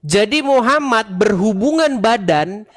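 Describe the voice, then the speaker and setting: A man in a live online interfaith debate. He talks calmly and methodically, reads out verses and asks his opponent to confirm each point. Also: sits high. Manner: calm, measured, keeps saying "tenang" (stay calm).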